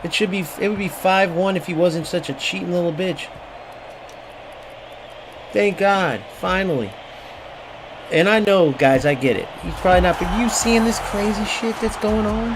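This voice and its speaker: Over clear background noise, a man commentates his own football game on stream, swearing and ranting at his opponents. His voice sits high, his speed is normal, and he pauses often.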